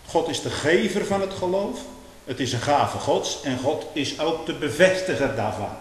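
An older man preaching, his voice carrying through a large reverberant hall. A faint hiss sits under the recording, and his delivery swings from low storytelling to forceful outbursts. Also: expressive, normal speed. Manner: emphatic preaching that rises to loud outbursts. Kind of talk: sermon.

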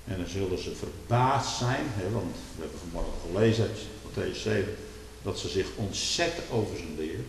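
A man preaching a sermon, fiery, swinging from quiet murmurs to loud outbursts. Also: sits low, normal speed, gravelly. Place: church. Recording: echoey church hall with hiss.

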